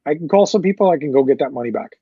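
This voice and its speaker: A man's voice: fairly high pitch, very fast, breathy edge, dry recording, lo-fi sound. A man, a concert promoter, telling a long story in a casual interview, quoting people and swearing freely. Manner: animated anecdote-telling with profanity and quoted dialogue.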